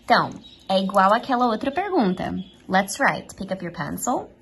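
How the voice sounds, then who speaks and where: A young adult woman from Brazil, a native Portuguese speaker, teaching an online English lesson in a patient, encouraging way and slipping into slow classroom English. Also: medium pitch, big pitch swings, fairly bright tone, breathy edge, poor audio.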